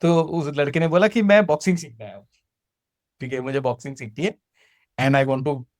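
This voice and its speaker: A man with an Indian accent tells personal stories in casual chat, acting out dialogue and switching between Hindi and English as he animatedly retells events. His voice is a little high and moves at normal speed. The studio-quality recording has no room sound.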